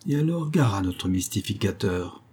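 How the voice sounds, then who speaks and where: A man voicing a skeptical, commanding male mine director in a low, dry tone. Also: expressive, normal speed, a little mellow, breathy edge.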